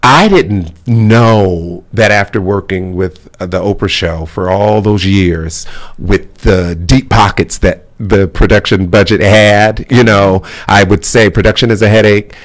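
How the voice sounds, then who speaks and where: Chatty man with a lower voice. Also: steady tone, measured pace. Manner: chatty, heavy on "you know" fillers. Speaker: talk show guest. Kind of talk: casual interview conversation.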